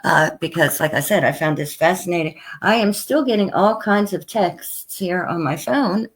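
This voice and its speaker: A woman's voice: fairly low pitch, moderate pace, husky. An American woman hosting a casual interview over a video call, bubbly and rambling, laughing often as she talks. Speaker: host.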